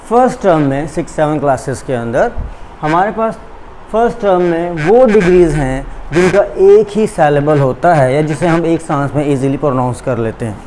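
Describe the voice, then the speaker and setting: A man with a Pakistani accent teaching English in a recorded online lecture, shifting between slow, deliberate English and quicker Urdu explanations. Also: fairly high pitch, darkish tone, slight background noise, poor audio. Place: school classroom or studio.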